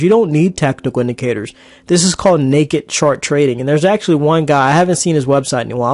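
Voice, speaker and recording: A man's voice: on the high side, darkish tone, dry recording, clean studio sound. A man coaching traders in a casual, chatty screen-recorded market recap lesson. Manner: casual, chatty, with fillers and asides. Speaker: trading coach.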